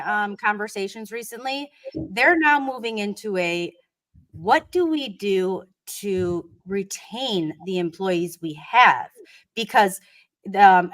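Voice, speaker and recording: A woman talking in a casual podcast chat in an unhurried way, with many fillers. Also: fairly high pitch, fairly bright tone.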